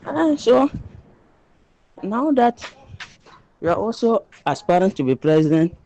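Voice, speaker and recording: A man's voice: sits high, very animated, unhurried, warm tone. A man giving his political opinion in a phone voice message played on air, insistent and often repeating and restarting his phrases. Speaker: listener sending a voice note.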